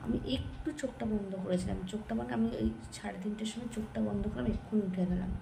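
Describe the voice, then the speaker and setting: A sleepy woman speaks in a hushed, unhurried voice with a gravelly, fry-laden edge. She is vlogging into her phone at home at dawn. A steady hiss of noise sits clearly under her voice. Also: medium pitch. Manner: speaks softly and slowly so as not to wake her family. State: sleepy and tired. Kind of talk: casual chat to camera. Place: home, indoors, early morning.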